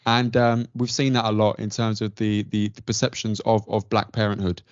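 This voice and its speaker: A man's voice: lowish voice, little pitch movement, moderate pace, clean tone, dry recording. A man hosting a podcast, asking thoughtful, earnest questions. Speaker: podcast host. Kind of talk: casual interview chat. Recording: dry, dull lo-fi audio.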